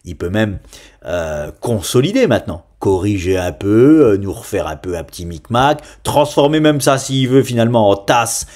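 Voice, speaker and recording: A man from France hosting an investing channel, giving casual, animated market commentary and talking straight to his viewers. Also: fairly low pitch, moderate pace. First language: French. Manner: animated, ranting, direct address to viewers.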